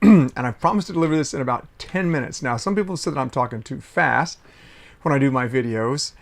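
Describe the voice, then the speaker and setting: A middle-aged man, a consultant, teaching in a conversational way from a small sailboat cabin office, with frequent restarts and some throat clearing. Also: mid-range voice, a little fast. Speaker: consultant teaching systems mapping. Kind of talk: casual talking-head lesson.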